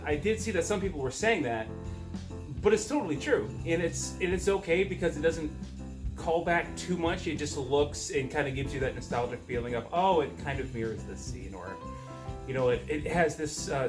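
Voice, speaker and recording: A man giving a chatty, enthusiastic, emphatic film review in a casual way. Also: a little high.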